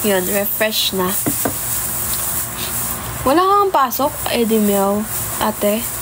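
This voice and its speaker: A woman's voice: mid-range voice, sing-song, takes it slowly, noisy background. A young woman chatting casually on a phone livestream, greeting viewers by name and mixing in English. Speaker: idol livestreamer. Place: home, early morning.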